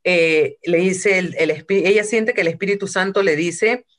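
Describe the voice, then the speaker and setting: A woman's voice: lowish voice, normal speed. A woman preaching a sermon from Peru, retelling a story and acting out quotes, with some English phrases.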